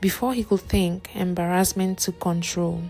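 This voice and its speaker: A woman narrating a scripted story in a steady, somber manner. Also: fairly low pitch, normal speed. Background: faint music.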